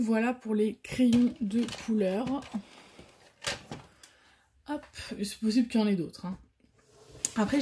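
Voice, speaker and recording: A woman hosting a casual coloring vlog, talking quietly and at times in a whisper so her sleeping baby is not woken, with many hesitant fillers and restarts. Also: medium pitch, slight background noise. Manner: speaks softly, sometimes whispering, so her baby keeps sleeping. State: out of breath. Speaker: coloring channel host. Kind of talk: casual show-and-tell vlog.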